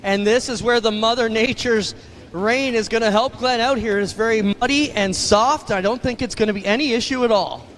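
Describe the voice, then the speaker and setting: A man's voice: very high voice, moderate pace, fairly bright tone. A man reporting live from trackside as part of a motorsport commentary team. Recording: outdoor trackside with faint vehicle noise. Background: faint outdoor vehicle noise.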